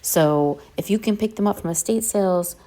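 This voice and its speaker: With a mellow voice at medium pitch and a moderate pace, a woman who resells vintage goods presents a casual how-to video. She chats eagerly and speaks straight into the camera to her audience.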